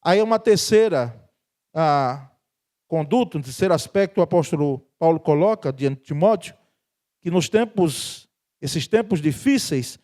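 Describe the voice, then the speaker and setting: High-voiced Brazilian pastor preaching. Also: male voice, expressive, normal speed, darkish tone. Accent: Brazilian Portuguese. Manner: conversational preaching, tag questions, chuckles. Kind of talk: sermon. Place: church.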